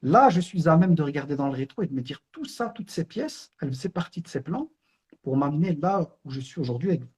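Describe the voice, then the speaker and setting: Man, middle-aged, husky, mellow tone, quick earnest talk. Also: on the high side, expressive. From Belgium, Brussels. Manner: earnest, conversational storytelling with many fillers. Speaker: online Islamic teacher. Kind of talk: personal spiritual reminder.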